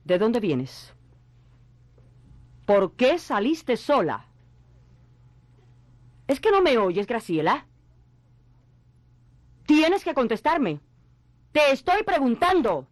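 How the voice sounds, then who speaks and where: A woman's voice: mid-range voice, very animated. An actress playing a domineering, commanding middle-aged mother in a radio drama. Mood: demanding. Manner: stern, commanding, slow and deliberate.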